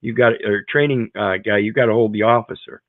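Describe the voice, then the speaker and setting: A man's voice: fairly low pitch, fairly even intonation, a little fast, no room sound. A man hosting an informal panel discussion, blunt and emphatic, often repeating himself. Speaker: panel host. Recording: narrow phone-like line, dry.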